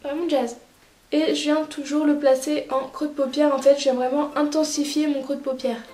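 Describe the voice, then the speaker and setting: A woman narrating a makeup tutorial as a vlogger, chatty and relaxed with lots of filler words. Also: high voice, fairly quick. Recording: roomy echoey room, faint music.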